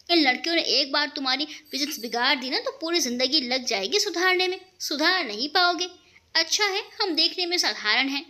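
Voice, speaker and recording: A woman's voice: high-pitched, sharp tone. A woman voicing a middle-aged male chemistry teacher who teases and gossips. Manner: teasing, chuckling.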